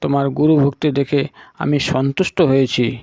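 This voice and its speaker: A man voicing twin divine physicians, kindly and generous, in a measured, solemn way. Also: mid-range voice, little pitch movement, creaky, mellow, no echo. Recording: dull lo-fi recording.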